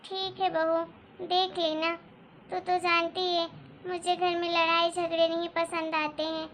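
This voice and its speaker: A woman voicing a gentle, motherly mother-in-law who frets softly in a cartoon story. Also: very high voice, flat delivery, measured pace, slight background noise. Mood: worried. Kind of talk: Hindi cartoon story dialogue.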